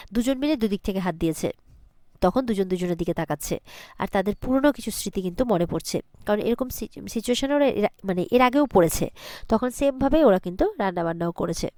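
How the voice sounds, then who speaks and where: A woman's voice: mid-range voice, a little mellow, no echo. A woman retelling a TV serial episode in a casual recap, relaying the characters' dialogue with small restarts.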